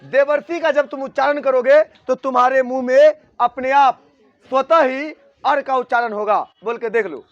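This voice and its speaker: A man's voice: very high voice, muffled recording. A man teaching a grammar lesson at a board, repeating key words and often checking whether his students understand.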